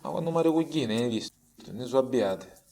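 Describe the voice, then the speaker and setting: A man's voice: medium pitch, lively intonation, normal speed, gravelly, mellow, a little hiss or hum. A man playing a broke, cheeky working-class husband in a comic dub, speaking broad Sicilian dialect from Catania. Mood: defensive.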